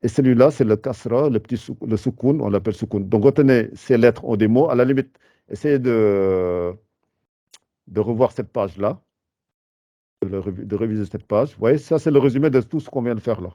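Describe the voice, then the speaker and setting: A man explaining a beginner's lesson in a patient, halting way, with frequent fillers and restarts. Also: mid-range voice, dark tone, no room sound, lo-fi sound. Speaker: Arabic teacher.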